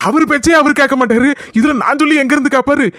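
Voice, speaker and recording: A playful young man who keeps teasing and coaxing the girl he is chasing, put on by a woman in a cartoon. He talks quickly in Kanyakumari Tamil, in a high-set voice for a man, and the recording is close and dry. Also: fairly bright tone, no room sound. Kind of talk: cartoon comedy voice acting.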